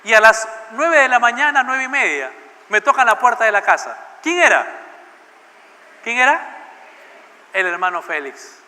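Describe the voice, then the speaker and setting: Pastor with a bright high voice. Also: male voice, expressive, moderate pace. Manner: personal anecdote, asks the congregation questions. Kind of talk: sermon storytelling. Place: church. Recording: church hall with long reverb.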